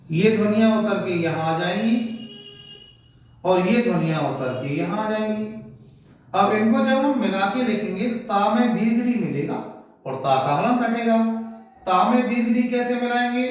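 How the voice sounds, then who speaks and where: Lively, high-pitched male teacher in echoey room. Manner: explains step by step, poses and answers questions. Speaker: Hindi teacher. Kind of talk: grammar lesson. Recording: very echoey room, mic far off.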